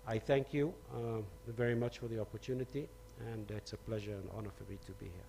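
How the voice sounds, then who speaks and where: A man's voice: on the low side, steady tone, quick pace, creaky, mellow. A man giving hesitant closing remarks at a conference, with many fillers. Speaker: conference speaker. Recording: faint hum behind.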